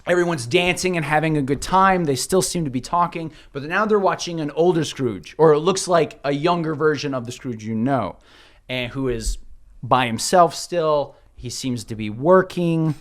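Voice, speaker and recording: High-voiced man running a tabletop game. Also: moderate pace. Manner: informal, joking, self-interrupting. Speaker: game master. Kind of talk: improvised tabletop game narration.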